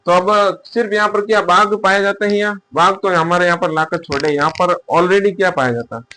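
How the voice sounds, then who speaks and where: A male teacher giving a casual exam-prep lecture, asking questions and answering them himself, and repeating key terms slowly as he writes them down. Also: sits high, bright, forceful tone. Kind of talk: casual classroom-style lecture.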